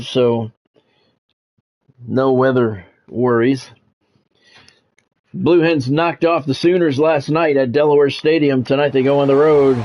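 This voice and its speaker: A middle-aged man with a medium-pitched, darkish voice provides radio-style play-by-play for a sports game he's streaming. He keeps up a chat with viewers, repeating phrases to emphasize them.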